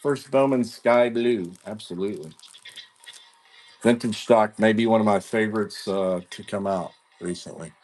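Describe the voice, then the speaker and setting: A man's voice: on the low side, normal speed, darkish tone, faint music behind. A man hosting a live card-breaking stream, chatting casually in slang and greeting viewers by name. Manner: laid-back, slangy, talks to viewers by name. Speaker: card-breaking livestream host.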